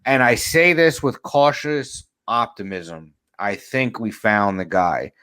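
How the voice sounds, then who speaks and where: Low-voiced man, relaxed podcast co-host. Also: clear, resonant tone. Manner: relaxed, measured, thoughtful. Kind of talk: casual sports podcast chat.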